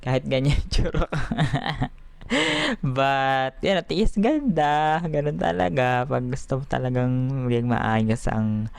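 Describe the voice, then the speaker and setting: A Filipino vlogger chatting casually in Taglish, giggly and animated, talking with missing front teeth. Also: medium pitch, measured pace, gravelly, clear, resonant tone, no echo. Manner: talks with missing front teeth after an extraction; Taglish, mixing English phrases into Tagalog. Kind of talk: casual chatty daily vlog.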